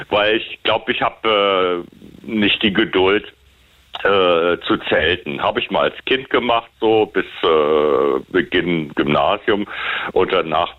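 A man's voice: sits low, slow pace. A middle-aged man calling into a radio show over the phone, chatting casually and hesitantly with lots of fillers. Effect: phone-line sound of a caller. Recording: dull lo-fi phone line.

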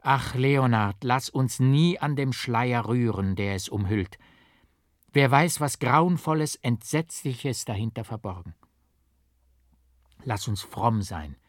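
A man's voice: medium pitch, no room sound, studio quality, close to an everyday voice. A pious pleading young woman, read by a man.

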